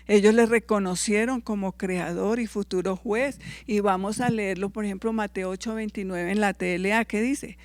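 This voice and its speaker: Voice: mid-range voice, no echo. A Bible teacher giving a class, reading verses aloud, fixing misread references and checking in with listeners. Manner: reads scripture aloud and corrects its own verse references; checks in with listeners with short tag questions.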